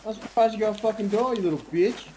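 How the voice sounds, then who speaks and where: A man's voice: high-pitched, quick pace, noisy background. A man trash-talking another player over in-game voice chat, aggressive and profane.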